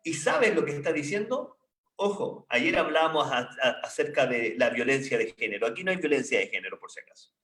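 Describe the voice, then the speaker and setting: A man's voice: medium pitch, animated, a little fast, fairly bright tone, echoey room, distant mic. A man preaching a sermon in a conversational way, often asking his listeners questions.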